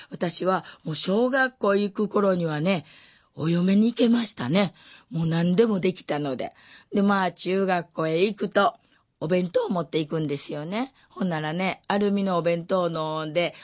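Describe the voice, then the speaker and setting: Older woman with a Kansai accent, lowish voice. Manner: gentle, unhurried, with wry asides. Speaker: storyteller. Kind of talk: spoken personal memoir.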